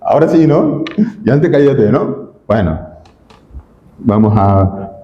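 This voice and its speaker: Emphatic preacher in an echoey church. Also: male voice, mid-range voice, animated, slow pace, dull audio. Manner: emphatic, asks the congregation rhetorical questions. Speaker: pastor. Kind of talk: sermon.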